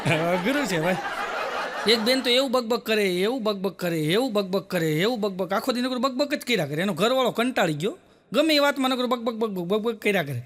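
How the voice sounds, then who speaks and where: A man's voice: high voice, lively intonation, a little fast, a bit bright, some chatter behind. A man telling stand-up jokes, acting out quoted dialogue and repeating little filler words as he goes. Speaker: stand-up comedian. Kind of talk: Gujarati joke telling.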